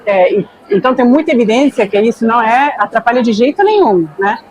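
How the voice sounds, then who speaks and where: A woman's voice: a little high, expressive, brisk, darkish tone, a little hiss or hum, low-quality recording. A woman from Argentina, a neuroscientist guest explaining things thoughtfully in a conversation. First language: Spanish. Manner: thoughtful, often checks in with "né".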